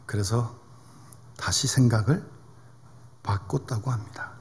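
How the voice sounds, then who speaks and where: A man's voice: medium pitch, a little slow, a little mellow, slightly rough. A male pastor preaching a sermon in a conversational way, often asking the congregation questions. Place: church sanctuary. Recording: reverberant church hall.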